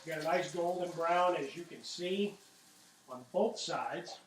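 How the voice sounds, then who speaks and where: A man's voice: on the high side, measured pace, recorded from a distance, a little hiss or hum. A middle-aged man hosting a home cooking show, talking in a chatty, folksy way with punchy asides. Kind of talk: casual cooking demonstration. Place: home kitchen. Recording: roomy kitchen, voice off-mic.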